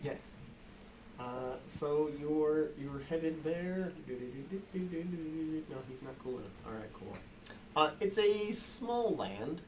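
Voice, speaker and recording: Game master, male, unhurried, raised voice, easygoing and chuckling, light background hiss. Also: fairly high pitch, expressive. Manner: casual, laughing often, quick asides. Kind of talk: narrating a tabletop game.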